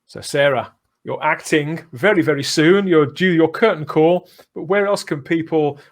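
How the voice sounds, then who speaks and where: A man with a fairly high voice speaks at normal speed as a podcast host. He chats with enthusiasm and wraps up his show with effusive, theatrical phrasing.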